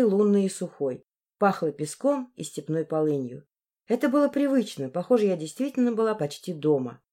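Female audiobook narrator, mellow and even, first person. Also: medium pitch. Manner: even, storytelling delivery.

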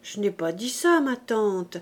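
Brief: quiet, stubborn country girl, voiced plainly by a woman reader, slow. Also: medium pitch, sing-song.

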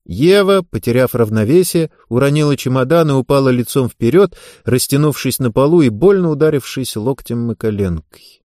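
A man narrating an audiobook in an even, measured reading. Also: mid-range voice, no echo, studio quality. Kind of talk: scripted narration.

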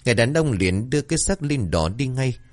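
A man narrating a folk horror tale in a steady, measured way. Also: mid-range voice. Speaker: storyteller. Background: faint music.

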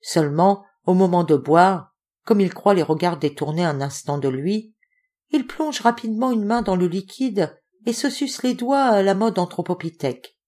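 A woman narrating a literary audiobook. Her voice sits fairly low, and she reads expressively, with a wide, lively melody. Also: moderate pace. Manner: expressive, varied reading. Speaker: audiobook reader.

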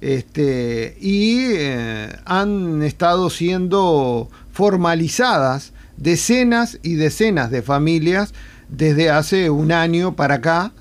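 A man's voice: fairly high pitch, lively intonation, takes it slowly. A man with a Uruguayan accent hosting a radio interview, informal and repeating words as he asks questions. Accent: Uruguayan Spanish. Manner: informal, stumbling on word repeats. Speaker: radio host.

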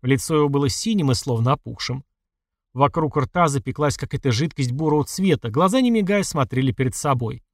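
A man narrating a horror audiobook with expressive, lively delivery. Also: medium pitch, fairly quick, no echo, studio quality.

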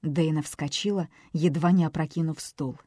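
Brief: woman audiobook narrator, low, mellow, dry close sound. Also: steady tone, moderate pace, dry recording. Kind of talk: scripted narration.

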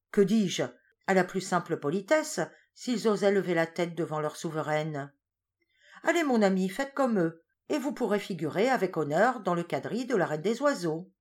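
A woman reading a storybook, voicing a regal, commanding queen of the birds in a haughty manner. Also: mid-range voice.

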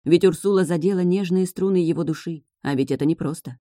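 A narrator reading a fantasy story aloud in an even storytelling delivery. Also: male voice, a little high, quick pace, no room sound, clean studio sound. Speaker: audiobook narrator.

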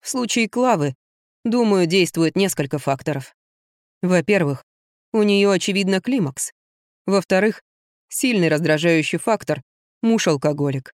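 A tired, sensible woman friend who talks low and slow, as a woman reading a storybook puts her on. She sounds soft and worn out, recorded dry and close. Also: no room sound. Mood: weary. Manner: weary, calm explaining. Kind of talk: audiobook reading.

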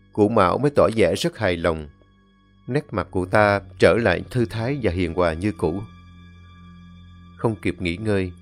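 A man narrating a scripted story in a measured, even way. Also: lowish voice.

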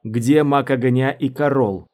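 A hard, decisive assassin who issues commands in a raised, firm voice, as voiced by the narrator. He threatens with cold intent. It stays close to an ordinary man's voice, just pushed louder. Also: medium pitch, steady tone, slow pace, natural voice. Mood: demanding. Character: tough, decisive male assassin.

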